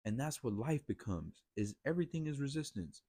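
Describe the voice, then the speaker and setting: A man's voice: medium pitch, big pitch swings, fairly quick, warm tone, slightly rough, dry recording. A man hosting a casual motivational monologue, blunt and profane, rambling with frequent restarts. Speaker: podcast host.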